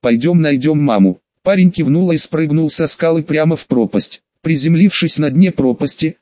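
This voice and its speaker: A man reading an audiobook in an even, steady way. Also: a little high, moderate pace, no echo. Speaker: audiobook reader. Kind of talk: audiobook narration. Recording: dry, dull lo-fi audio.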